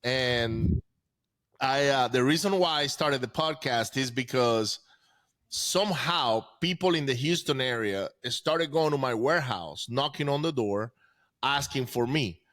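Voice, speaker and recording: A podcast guest in his forties who grew up in Venezuela tells his life story casually and haltingly, restarting often and repeating words. His voice is mid-range and a bit bright.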